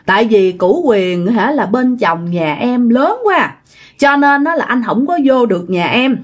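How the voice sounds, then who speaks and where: A woman voicing the kindly ghost of an old man, speaking softly and reassuringly. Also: a little high, animated, measured pace. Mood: gentle. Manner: soft, reassuring.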